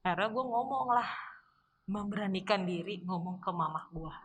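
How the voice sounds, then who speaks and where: A woman's voice: mid-range voice, lively intonation, normal speed, a little hiss or hum. A young woman telling her personal life story on a podcast, candid and emotional. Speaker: podcast guest.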